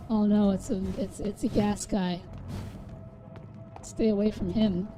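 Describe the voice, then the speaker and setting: A woman's voice: mid-range voice, steady tone, unhurried, over music. A woman live streamer chatting casually while gaming and reading out viewer comments.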